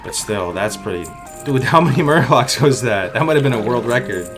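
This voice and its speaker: A man's voice: mid-range voice, expressive, fairly quick. A man livestreaming gameplay commentary with cocky, hyped frat-bro slang. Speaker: game streamer. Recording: loud music behind the voice. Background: loud music.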